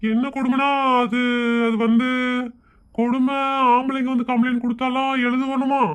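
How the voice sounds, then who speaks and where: A man's voice: very high voice, little pitch movement, moderate pace, clean tone. A man playing a pompous, easily offended lawyer in a comedy skit, self-important and indignant. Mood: flustered.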